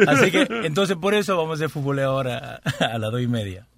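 A man's voice: mid-range voice, animated, a little fast, a bit bright, dry recording. A man with an Argentine accent telling anecdotes in casual, joking banter, swearing freely. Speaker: soccer show presenter.

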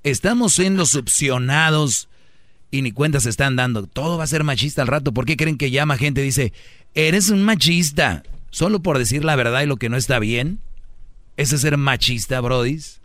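A man's voice: medium pitch, normal speed, fairly bright tone, no echo. A man with a Mexican Spanish accent hosting a sarcastic commentary talk, mocking what he reads and acting out quotes in exaggerated voices. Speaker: host.

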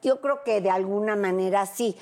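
A woman's voice: mid-range voice, moderate pace, dark tone. A middle-aged woman with a Mexican accent, a brash panel guest who tells stories and acts out the dialogue. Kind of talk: casual panel chat, storytelling.

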